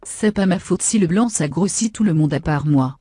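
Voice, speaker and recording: A woman's voice: on the low side, expressive, moderate pace, mellow, breathy edge, no room sound, clean studio sound. A woman voicing a vain, foul-mouthed young woman, brash and insulting in comic machinima. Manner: brash, insulting, self-satisfied.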